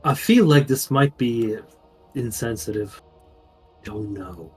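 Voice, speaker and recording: A man's voice: mid-range voice, slow pace, darkish tone, slightly rough, faint music behind. A man co-casting a game tournament, making dry, offhand quips in casual chat. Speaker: co-caster. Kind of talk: casual esports commentary.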